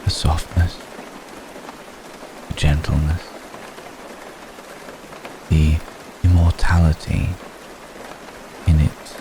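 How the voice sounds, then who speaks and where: A man heavily acts an ancient vampire gentleman in an intimate ASMR roleplay, his very deep voice unhurried and lingering, earnest and confiding. He's gentle, protective and formal, hesitant and measured with long pauses. The close recording carries clearly audible steady rain and background noise.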